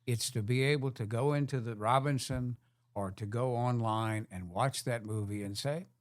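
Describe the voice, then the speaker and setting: A man's voice: mid-range voice, moderate pace, dry recording. Actor guy on a talk show, earnest, cracks jokes, dry sound. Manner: earnest, joking. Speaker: actor guest. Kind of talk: casual interview chat.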